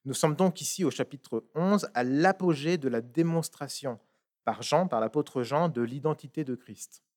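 A man's voice: fairly high pitch, darkish tone. Man reading scripture and preaching. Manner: measured, emphatic, with restarts.

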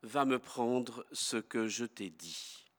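A man's voice: mid-range voice, takes it slowly, fairly bright tone. A man reading as a commanding mother. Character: mother Rebekah, commanding, scheming. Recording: long hall reverb.

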